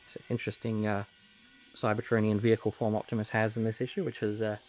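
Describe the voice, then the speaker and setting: A man co-hosts with casual, wry commentary. His voice sits fairly low, and music plays faintly behind him. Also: monotone, fast, a little mellow. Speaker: co-host commenting on a comic.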